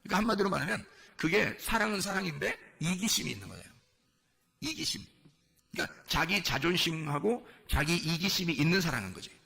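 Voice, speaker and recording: Guy preaching a sermon, kinda high voice, super gravelly, keeps asking the church questions. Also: very animated, fairly quick, bright, forceful tone. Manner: repetitive, asks the congregation questions; conversational preaching with many fillers. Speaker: pastor.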